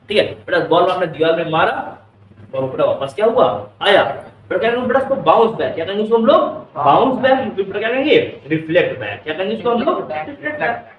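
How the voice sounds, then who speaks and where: A man's voice: sits high, a little hiss or hum. A male physics teacher with an Indian English accent lecturing a class, constantly firing questions at the students. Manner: keeps quizzing students, calls them beta. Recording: echoey classroom, mic far off.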